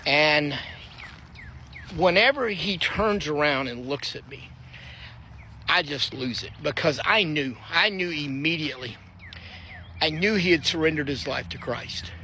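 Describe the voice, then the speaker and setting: Man, earnest testimony storyteller, bright voice, casual delivery with faint outdoor noise behind him. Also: fairly high pitch, lively intonation, measured pace, pauses often. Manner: earnest, conversational, with frequent fillers and restarts. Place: backyard, outdoors.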